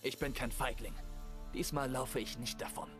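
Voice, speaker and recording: An actor playing a frightened, lovesick villager in a video game, speaking nervously and pleading with earnest emotion. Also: male voice, mid-range voice, steady tone, moderate pace, over music, natural voice. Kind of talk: dramatic video game dialogue.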